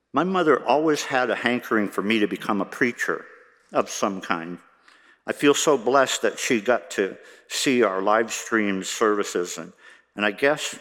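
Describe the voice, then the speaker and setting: A low-voiced man in his sixties speaks as a worship associate, telling a reflection at a church service in a gentle, unhurried way with touches of wry humor. His voice rings out with a long reverb off the walls of a church sanctuary.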